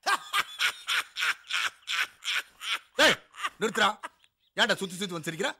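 A gravelly, hot-tempered village boss. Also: male voice, high voice, very animated, quick pace, bright, forceful tone, full character voice. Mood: scolding. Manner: scolding, barking orders. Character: short-tempered village boss, bossy and easily mocked. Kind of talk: 1990s-2000s Tamil film comedy dialogue.

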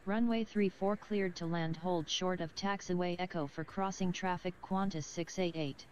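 A woman voicing an airline pilot over the radio, reading back clearances in clipped, formulaic phrases. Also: lowish voice, steady tone, normal speed, lo-fi sound, background noise. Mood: calm.

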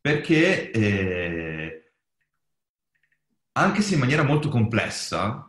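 A man co-hosting a casual panel podcast, explaining technical points at length, halting and restarting as he goes. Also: medium pitch, big pitch swings, fairly bright tone, roomy sound. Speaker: podcast co-host explaining crypto.

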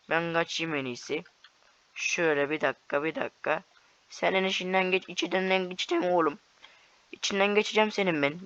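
A young man giving casual, excitable commentary over his own gameplay, taunting opponents as he plays. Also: a little high, clear, resonant tone, no room sound. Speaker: gaming YouTuber. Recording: slightly dull lo-fi sound.

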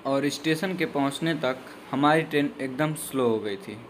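A man's voice: mid-range voice, moderate pace, a little hiss or hum. A young man narrating his train journey as a voice-over, in a casual, loosely worded way with restarts. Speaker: travel vlogger.

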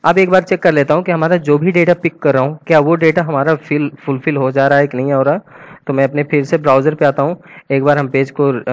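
A man teaching a coding tutorial over a screen recording, talking casually and thinking aloud as he types, slipping English terms into his Hindi. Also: a little high.

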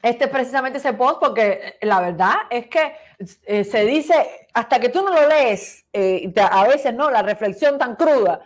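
A woman's voice: a little high, lively intonation, a little slow. A Cuban woman co-hosting a casual chat show, laughing often and reading viewer comments aloud. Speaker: co-host.

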